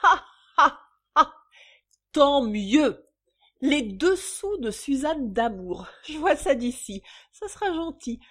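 A woman's voice: medium pitch, animated, a little slow. A woman reading a novel aloud, voicing a brash, mocking young demimondaine. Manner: loud, mocking, slangy.

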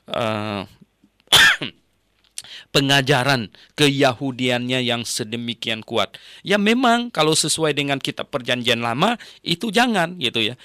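A man giving a Bible teaching to radio listeners, telling stories in a chatty way, often repeating phrases and rising in pitch when he presses a point. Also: pushed and bright, clear, resonant tone, no echo, clean studio sound. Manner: storytelling, repeats phrases with tag words.

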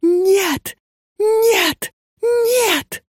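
A woman's voice: medium pitch, big pitch swings, slow, a little mellow, husky, no room sound, clean studio sound, pitched above the performer's own voice, heavily acted. A reader voicing a frightened young female student who cries out in a desperate, strangled voice. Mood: terrified.

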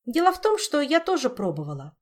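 A woman's voice: high-pitched, huge pitch swings, fairly quick, pitched above the performer's own voice. A woman reading an audiobook, voicing a stern queen who explains things in a frowning, matter-of-fact way. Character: stern, reasoning young queen.

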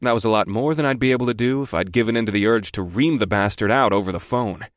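A man's voice: lowish voice, fast, no room sound, studio quality. A man narrating a first-person story in a wry, sardonic manner. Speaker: audiobook narrator.

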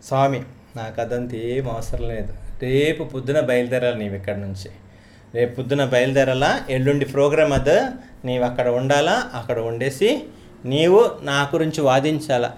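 A storyteller voicing a calm male god who gently but firmly reassures a frightened devotee. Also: medium pitch, normal speed, pitched below the performer's own voice, close to an everyday voice. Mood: insistent.

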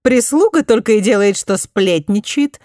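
A woman reading an audiobook, voicing a spoiled, accusing pregnant young noblewoman in a high, loud voice. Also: lively intonation, moderate pace, dry recording, studio quality, natural voice. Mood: scheming.

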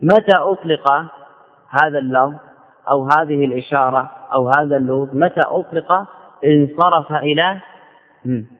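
A man with a slightly high voice gives a grammar lesson, repeating each key term and answering his own questions. The recording is thin and phone-like. A long reverb trails behind him, as in a large hall. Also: moderate pace, long pauses. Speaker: Islamic scholar teaching Arabic grammar. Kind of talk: classroom lecture on grammar.

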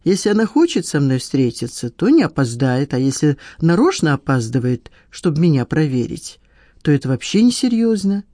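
Reader doing a whiny, defensive man in an audiobook, pitched up, lively swings. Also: moderate pace, no echo, studio quality. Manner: aggrieved, defensive, whining. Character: whiny petty middle-aged man, self-pitying. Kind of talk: audiobook dialogue.

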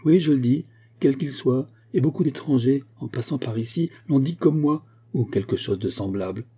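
A man reading aloud, voicing an excited young male painter who speaks in an emphatic, insistent way. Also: medium pitch, normal speed, husky, lightly acted. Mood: indignant.

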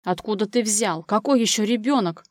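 A woman reading an audiobook, voicing a hot-tempered man who shouts defensively. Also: medium pitch, normal speed, no room sound, close to an everyday voice. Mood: furious. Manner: angry outbursts, raised and forceful.

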